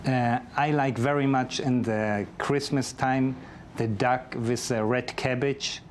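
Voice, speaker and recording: A man with a German accent, a chef being interviewed, answering in halting English with many fillers and restarts. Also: medium pitch, steady tone, a little hiss or hum. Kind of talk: interview answers over a remote line.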